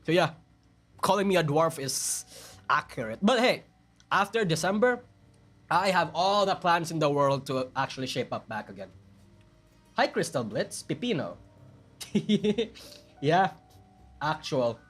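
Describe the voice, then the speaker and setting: Filipino accent guy streaming, kinda high voice, rambly and self-deprecating, faint music behind. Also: big pitch swings, measured pace, long pauses, fairly bright tone. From Philippines. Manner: rambling, self-deprecating, answers chat messages. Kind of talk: casual live-stream chat.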